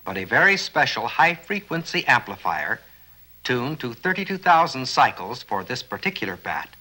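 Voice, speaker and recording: A man's voice: mid-range voice, very animated, moderate pace, sharp tone, poor audio. A man giving scripted educational documentary narration in an earnest, explanatory way, often posing rhetorical questions. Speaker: film narrator.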